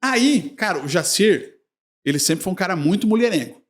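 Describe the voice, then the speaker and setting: A man telling stories in a relaxed podcast conversation. His voice sits high and moves lively up and down, and he laughs often between anecdotes. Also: normal speed. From Brazil. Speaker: podcast guest, sports journalist. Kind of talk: casual storytelling chat.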